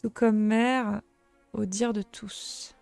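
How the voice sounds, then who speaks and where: A woman reading the lines of an earnest young male rat guard in a video game, in a plain, soft-spoken way. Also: on the high side, steady tone, very slow, gravelly, soft background music, full character voice.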